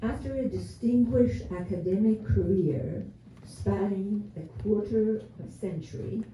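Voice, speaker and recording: A warm, high voice at a measured pace belongs to a US man in his seventies acting as host. He reads out a prepared speaker introduction with a dry sense of humor at a community event, captured by a faraway mic in a roomy space with slight noise.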